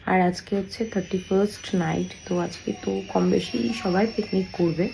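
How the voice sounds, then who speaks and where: A woman vlogging softly at home, chatting about her chores while someone sleeps nearby. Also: lowish voice, steady tone, normal speed, gravelly, a little hiss or hum, low-quality recording. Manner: soft, hushed talk so as not to wake a sleeper; chatty, homely running commentary on chores. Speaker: family vlogger. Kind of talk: casual vlog narration. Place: home, indoors.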